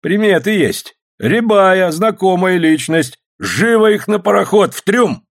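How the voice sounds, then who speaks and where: A male narrator voicing a gruff police sergeant who barks and sneers at suspects. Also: high voice, animated, unhurried, pitched above the performer's own voice. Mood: sneering. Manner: barking, sneering.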